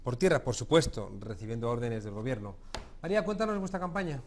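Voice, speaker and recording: A man with a Peninsular Spanish accent hosting a studio debate in a measured, formal way. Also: medium pitch, lively intonation, a little hiss or hum. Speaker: host.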